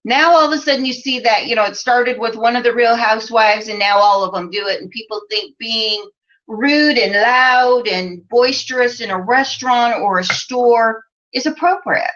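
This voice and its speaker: Bright-voiced chatty Midwestern woman coach. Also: fairly high pitch, moderate pace, dull audio. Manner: chatty, lots of "you know", laughs often. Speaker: life coach. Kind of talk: live-streamed motivational talk reading viewer comments.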